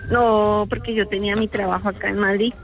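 A woman from Colombia, calling a radio show and telling her travel stories warmly. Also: medium pitch, flat delivery, fairly quick, low-quality recording. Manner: warm, talkative storytelling. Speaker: radio caller.

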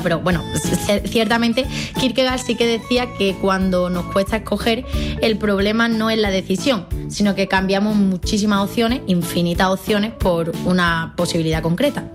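Fast-talking Andalusian woman on radio. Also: medium pitch. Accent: Andalusian Spanish from Málaga. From Spain. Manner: fast-talking, joking and chatty. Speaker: radio presenter. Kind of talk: radio monologue.

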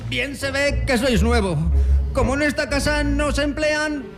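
Man playing a very high-voiced starving pupil. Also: a little slow, loud music behind the voice. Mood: wry, knowing. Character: starving, wry veteran pupil at a miserly boarding school. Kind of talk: audio drama acting.

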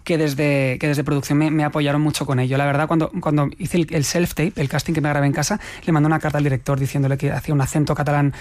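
A young Spanish actor chats casually as an interview guest in a fairly high-pitched voice. He talks quickly and with animation, laughing often and restarting his phrases.

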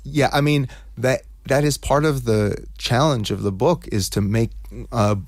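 A man who writes comics, answering interview questions in a halting way, with restarts and fillers. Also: medium pitch, darkish tone, no echo, studio quality. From United States.

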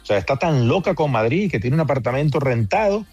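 A man's voice: medium pitch, sing-song, fairly quick, a little mellow, slightly rough, dry recording, dull audio, faint music behind. A man, a TV producer, talking earnestly in a casual interview. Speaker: TV producer and guest.

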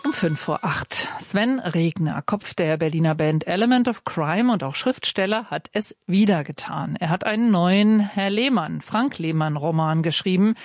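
Low-voiced female radio presenter. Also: lively intonation, normal speed, few pauses. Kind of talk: radio program trailer.

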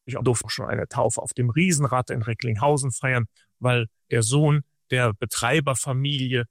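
Gravelly-voiced man explaining his ministry. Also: mid-range voice, steady tone, no room sound, studio quality. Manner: measured, explanatory, long sentences. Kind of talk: radio interview answers.

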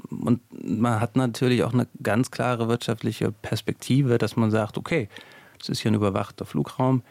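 A man's voice: medium pitch, fairly even intonation, normal speed, gravelly, a little mellow, no room sound. A male sociologist explaining in a radio interview, thinking aloud with fillers as he goes. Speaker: sociologist guest.

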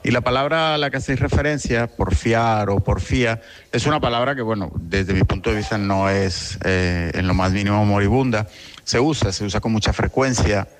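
A man's voice: on the low side, normal speed, a little hiss or hum. Hesitant man leaving a voice message. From Venezuela. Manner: hesitant, many fillers and restarts. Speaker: listener sending a voice message. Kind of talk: recorded voice message.

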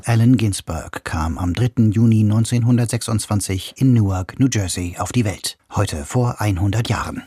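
A man reading a scripted radio portrait in an even, measured way. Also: fairly low pitch, breathy edge, no echo, studio quality. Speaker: radio reporter. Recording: music bed under voice.

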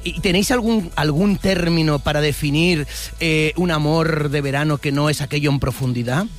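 A man with a fairly high voice, speaking at normal speed, works as a street reporter interviewing people outdoors with a handheld microphone. He's chatty and teasing, full of exclamations and follow-up questions. Soft music plays in the background.

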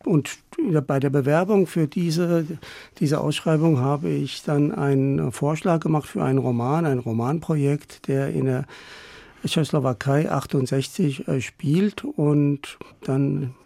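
An older novelist from Iran, answering interview questions in a radio studio in a relaxed, hesitant way. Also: male voice, fairly high pitch, unhurried, creaky, no room sound. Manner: relaxed, thoughtful, with many hesitations. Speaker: novelist guest. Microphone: studio microphone.

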